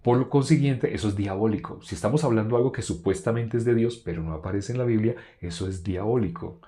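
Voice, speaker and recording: A man preaching, telling a personal testimony in an animated storytelling way and loudly acting out what others said. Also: on the low side, fast. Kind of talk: testimony sermon.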